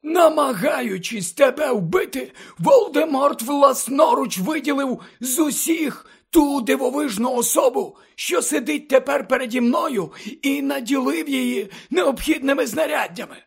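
A man voicing an elderly wizard headmaster who lectures urgently and emphatically, often close to shouting, in an audiobook reading. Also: extremely high pitch, expressive, measured pace, vocal fry, voice pushed up, heavily acted. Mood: impassioned. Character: elderly male wizard headmaster, fervent and impassioned.

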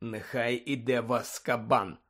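A man's voice: mid-range voice, steady tone, unhurried, a bit bright. Guy doing a firm breathless teen wizard, audiobook. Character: determined teenage boy wizard, breathless. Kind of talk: audiobook reading.

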